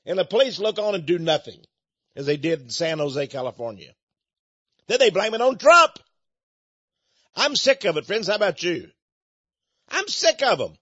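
High-voiced man ranting indignantly. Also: sing-song, moderate pace, pauses often, a bit bright, no room sound. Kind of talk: political commentary monologue. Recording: dull, dry lo-fi recording.

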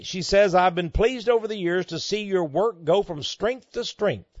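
Emphatic preaching man, higher voice, dull recording. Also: darkish tone, no echo. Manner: emphatic preaching delivery, voice climbs sharply when worked up. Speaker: ministry program host. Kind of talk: reading and answering listener letters.

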